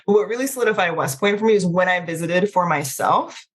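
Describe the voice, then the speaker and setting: A middle-aged woman, from Trinidad and then Maryland in the United States, speaks as a podcast guest in a lowish, expressive, fast voice. She talks informally, peppering her speech with frequent "like" and "you know."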